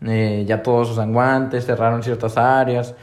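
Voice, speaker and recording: Young Mexican guy, casual storyteller, slangy and animated. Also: medium pitch, a little slow. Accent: Mexican Spanish. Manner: animated storyteller, acts out quotes in raised voice, slangy. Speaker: store employee. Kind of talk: casual conversation.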